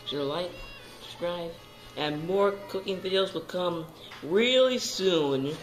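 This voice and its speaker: A young boy filming himself in a home kitchen on a phone, chatty and excitable, full of fillers and calls of "guys". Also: high voice, slow pace, faint music behind, low-quality recording. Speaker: home cooking vlogger. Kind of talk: casual cooking vlog. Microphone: phone camera held close.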